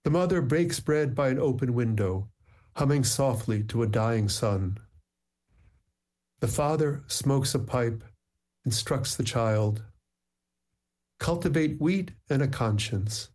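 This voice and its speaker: A middle-aged man with a mid-pitched voice is a poet being interviewed, and he speaks in a measured, reflective manner. In conversation he hesitates with soft ums. Reading his poems, he slows right down and lets each line settle.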